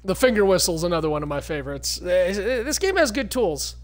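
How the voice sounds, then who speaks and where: A man streaming a video game, chatting casually and joking with quick asides. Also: high voice, sing-song. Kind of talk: casual gameplay commentary.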